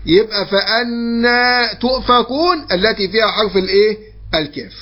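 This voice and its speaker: A man teaching an online Quran memorization lesson with an Egyptian Arabic accent. He asks questions and answers them himself, explaining patiently and repeating points with drawn-out fillers. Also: high-pitched, dull audio. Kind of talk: recorded online course lesson.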